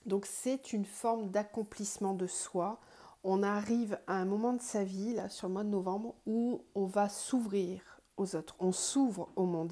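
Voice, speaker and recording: A woman hosting a spiritual card reading for viewers, slightly ill, her voice cracking at moments, explaining gently with pauses. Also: medium pitch. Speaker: tarot card reader and online guidance host.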